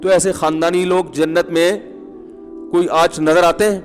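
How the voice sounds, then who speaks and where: A man preaches in a joking, conversational way, with a slightly high voice and chuckling asides. His sermon rings through a reverberant hall. Faint music sits underneath. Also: flat delivery. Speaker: Islamic preacher.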